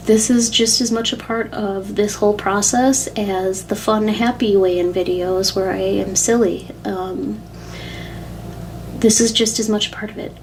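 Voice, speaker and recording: A woman speaking haltingly and candidly in a confessional personal vlog, sounding upset and tearful. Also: medium pitch, darkish tone, slight background noise, rough recording. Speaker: weight-loss vlogger.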